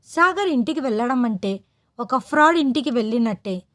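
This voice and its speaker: A woman voicing a protective father who explains himself calmly and firmly to his daughter. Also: on the high side, moderate pace, close to an everyday voice. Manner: soothing, explaining. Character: protective older father, calm and firm.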